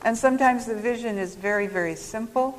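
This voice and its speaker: A woman preaching, telling stories in short phrases for an interpreter. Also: on the high side. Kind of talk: sermon spoken for live interpretation. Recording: echoey hall.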